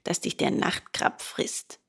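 A woman voicing a sly, lazy schoolboy in a storybook reading, coaxing his friend in a lowered voice. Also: slow, close to an everyday voice. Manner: low, coaxing, persuasive.

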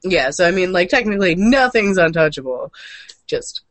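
With a sing-song, slightly bright medium-pitched voice at a moderate pace, the co-host of a gaming and comics news show riffs informally and wryly on comics, films and cartoons. No room sound is audible.

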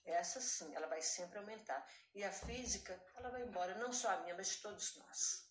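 A woman's voice: mid-range voice, a little fast, roomy sound, a little hiss or hum. Woman in her sixties, earnest chat. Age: 60s. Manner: earnest, chatty, addresses listeners as girls.

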